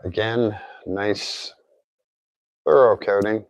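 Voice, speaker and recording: Guy talking thru a diy car fix, kinda low voice, words a bit off like his mouth is healing, dry sound. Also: slow, no echo, rough recording. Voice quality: slightly off articulation after recent oral surgery. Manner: informal, thinking aloud while working. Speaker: DIY car repair presenter. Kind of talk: casual hands-on tutorial narration.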